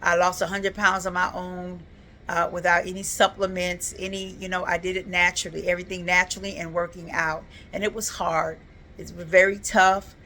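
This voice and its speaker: Fifties woman vlogging, earnest and reflective, low-ish voice with a forceful edge. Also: flat delivery, normal speed, slight background noise. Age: 50s. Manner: earnest, reflective, with frequent fillers. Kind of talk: casual personal vlog.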